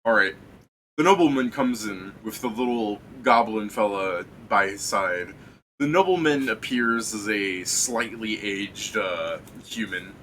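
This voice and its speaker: A man's voice: lowish voice, a little slow, fairly bright tone, rough recording. A man working as game master, casually narrating with irreverent, sweary and hesitant descriptions. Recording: faint background noise.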